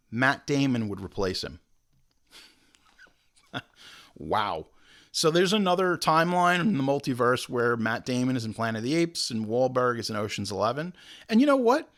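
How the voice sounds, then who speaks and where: A man hosting a show, telling film history in a casual, joking way with animated asides. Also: mid-range voice. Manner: animated storyteller, jokey asides. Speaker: show host.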